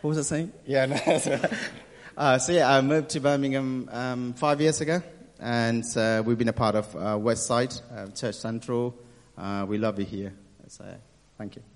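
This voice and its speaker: A young man from Nepal, telling his story in a church interview, hesitant with many pauses and easy laughs. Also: mid-range voice, steady tone. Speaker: interview guest. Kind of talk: casual testimony in church. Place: church hall. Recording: reverberant church hall.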